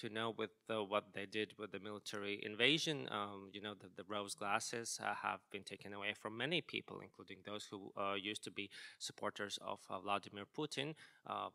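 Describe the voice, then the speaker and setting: A man speaking as a panelist, hesitant and filling pauses with many ums and uhs. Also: lowish voice, vocal fry, pushed and bright. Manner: hesitant, many filler sounds. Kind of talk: panel discussion remarks.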